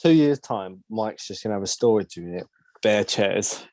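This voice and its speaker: A man's voice: lowish voice, lively intonation, normal speed, a little mellow. A man in casual podcast chat, throwing in dry teasing remarks. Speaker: podcast co-host.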